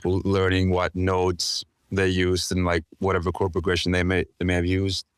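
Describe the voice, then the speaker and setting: A man in his twenties from Iceland, a music producer chatting in an interview, relaxed and rambling with lots of fillers. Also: sits low, normal speed, clean tone, dry recording, clean studio sound. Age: 20s. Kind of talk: casual interview chat.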